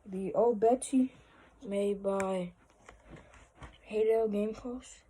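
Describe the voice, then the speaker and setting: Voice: medium pitch, steady tone, takes it slowly, warm tone, slight background noise, poor audio. Someone giving a casual, informal show-and-tell review as a hobbyist presenter, speaking hesitantly with trailing asides. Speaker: hobbyist presenter showing a collection.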